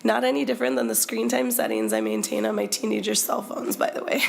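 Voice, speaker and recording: A middle-aged woman with a hoarse frog voice, giving prepared formal testimony as a board chair in an articulate, earnest way. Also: medium pitch, sing-song, fast talker. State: hoarse from a lingering illness.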